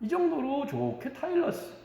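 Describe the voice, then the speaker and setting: A pastor preaches with earnest, storytelling drive, slowing and pausing for weight. His voice sits high for a man, and the sound rings with the echo of a large room. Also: huge pitch swings, creaky, mellow, slight background noise. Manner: earnest storytelling, dramatic pauses. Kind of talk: sermon.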